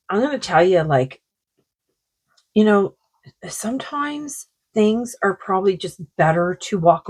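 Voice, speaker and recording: A woman doing a tarot card reading, talking in a slow, meandering way, her throat sore. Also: lowish voice, husky, rough recording. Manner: slow, meandering, full of likes and you-knows. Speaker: psychic card reader.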